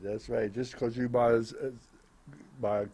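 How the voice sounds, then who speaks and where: A man's voice: medium pitch, level tone, unhurried, warm tone, husky. An American man hosting a radio show, interviewing casually and chiming in with short agreements.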